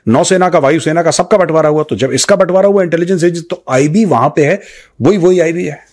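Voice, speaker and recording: A man with an Indian accent gives unscripted political commentary to viewers, speaking emphatically, repeating phrases, posing rhetorical questions, and mixing English phrases into his talk. His mid-range voice is a little mellow and slightly rough.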